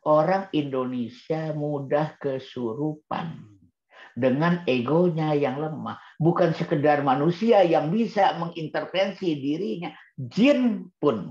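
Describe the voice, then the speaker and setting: In a slightly high voice with a darkish tone, a man talks to parents about a book on Islamic parenting. He leans on rhetorical questions that he answers himself and repeats important words for weight. The audio is roomy and dull.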